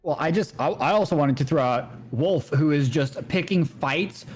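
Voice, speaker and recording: A man's voice: a little high, moderate pace, faint music behind. A man co-hosting a casual podcast, animatedly retelling scenes and acting out quotes. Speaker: podcast co-host. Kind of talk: casual chat.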